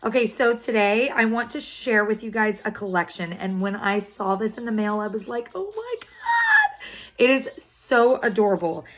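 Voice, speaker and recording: A woman beauty vlogger unboxing a makeup collection, talking in a gushing, excited way. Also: mid-range voice, moderate pace, few pauses.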